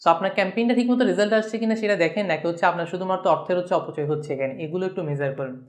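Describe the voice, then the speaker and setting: Bangladeshi woman instructor, rapid lecture delivery, slightly low pitch, brisk explainer. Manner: brisk explaining, mixing English terms. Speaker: course instructor. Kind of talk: online lecture.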